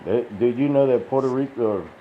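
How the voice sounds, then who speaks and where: A crypto video host rambles through a casual, profane, folksy monologue, sounding tired and dry-mouthed. He speaks in a mid-range voice at a moderate pace. The sound is dull and lo-fi with a faint hiss.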